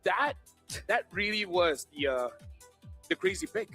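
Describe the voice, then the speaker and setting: A man's voice: high-pitched, very animated, a little slow, sharp tone, faint music behind. A young man from Malaysia, an esports caster giving analysis on a live desk and restarting phrases as he thinks.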